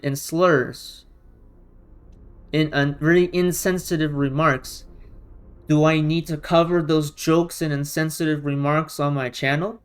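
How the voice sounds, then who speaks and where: Exasperated and combative, a man gives argumentative online response commentary, hammering his points with emphatic rhetorical questions. He speaks English as a second language after Romanian or Russian, and his fairly high voice comes across clean, smooth and fairly bright.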